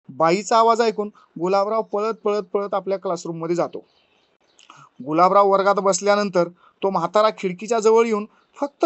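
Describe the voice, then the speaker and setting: A man's voice: high-pitched, dry recording, highs cut off. Man narrating a spooky story. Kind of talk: scripted horror story narration.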